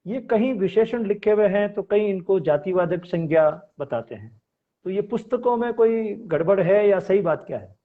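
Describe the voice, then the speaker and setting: Male host of an education show, slightly high voice, keeps the guest going with quick questions; tinny phone-quality audio. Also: lively intonation. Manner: constant murmured agreement, relays viewers' questions. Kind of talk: hosting an educational talk.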